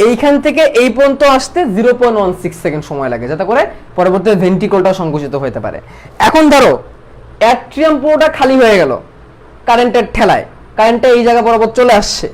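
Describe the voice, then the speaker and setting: A male biology instructor runs an online class at a brisk clip, his voice pitched high. Again and again he poses a question, repeats it, and answers it himself.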